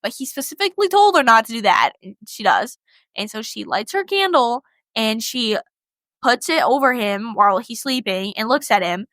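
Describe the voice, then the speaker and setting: A woman's voice: a little high, animated, moderate pace, fairly bright tone, no echo. A young woman co-hosting a podcast, retelling a myth in a chatty, slangy way with lots of "like". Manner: slangy, chatty, heavy use of "like". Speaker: podcast co-host. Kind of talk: casual storytelling.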